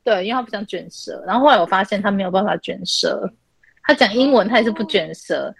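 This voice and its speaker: A woman in her thirties hosting a casual online group chat from home, telling stories in an animated way and laughing often. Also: medium pitch, quick pace, creaky, slightly rough, rough recording. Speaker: host of online chat room.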